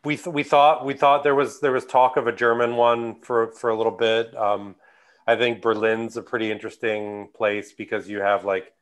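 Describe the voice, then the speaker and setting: Speaking by video call at a conference panel, a Midwestern American man fields questions hesitantly, full of fillers and restarts. His voice is mid-range with little pitch movement, at a moderate pace.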